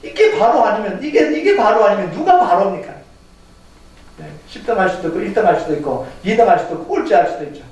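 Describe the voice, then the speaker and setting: Male pastor, high and animated, preaching in a very echoey sanctuary. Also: fast talker. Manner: animated, talks straight to the congregation with rhetorical questions; chuckles through his points. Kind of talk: Sunday sermon. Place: church sanctuary. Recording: echoey hall heard from a distance.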